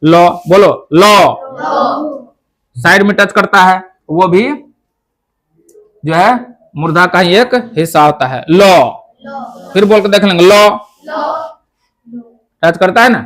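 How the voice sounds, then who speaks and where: Man, high voice, Sanskrit teacher, slow demonstrated sounds, asks his own questions. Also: a bit bright. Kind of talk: classroom lesson on pronunciation.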